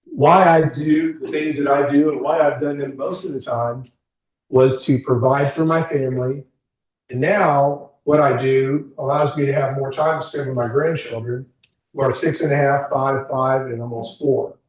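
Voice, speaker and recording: A man in his sixties, with a medium-pitched, steady voice at normal speed, leads a career workshop in a meeting room. He talks candidly and questions the group in an informal way. The room is echoey and the mic sits far away.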